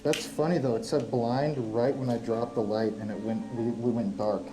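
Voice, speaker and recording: A man hosting a paranormal investigation chats casually on location during a ghost hunt. His medium-pitched voice is steady at a moderate pace, and the reverberant, low-quality recording has clear music laid over the location video audio.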